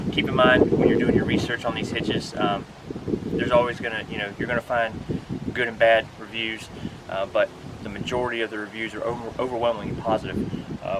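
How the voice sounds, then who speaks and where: Outdoors next to a pickup truck bed, a fairly low-voiced RV vlogger speaks casually to camera, guiding viewers step by step through gear in a plain-spoken way. Wind and vehicle noise are clearly audible behind him.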